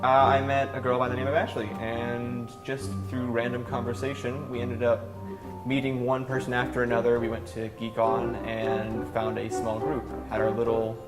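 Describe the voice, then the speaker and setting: A man in his twenties, president of a student club, answering interview questions in a slow, deliberate way. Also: mid-range voice, monotone, rough recording. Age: 20s. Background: background music.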